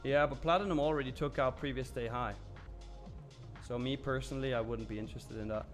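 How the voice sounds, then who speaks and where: A Swiss man talks a little fast in a steady, medium-pitched voice while soft music plays. He's the host of a live trading stream, responding to viewers loosely and candidly, with plenty of fillers and the odd curse.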